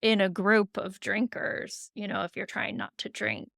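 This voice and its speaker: A woman's voice: mid-range voice, fairly even intonation, unhurried, vocal fry, a bit bright, no room sound, studio quality. A woman sober coach hosting a casual podcast conversation, supportive and asking follow-up questions.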